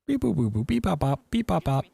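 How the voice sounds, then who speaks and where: A man's voice: fairly high pitch, big pitch swings, fairly quick, vocal fry, dark tone, husky, pitched above the performer's own voice, exaggerated voice. Man doing a beeping robot voice. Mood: playful. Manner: chanting beeps and boops in a sing-song robot voice. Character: beeping robot, mechanical and playful. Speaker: gamer.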